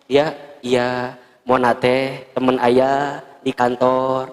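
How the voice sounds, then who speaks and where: A sheepish husband answers hesitantly and quietly, caught out, voiced by a male preacher. His words come slow and subdued. A long hall reverb hangs behind him. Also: medium pitch, monotone, voice pushed down.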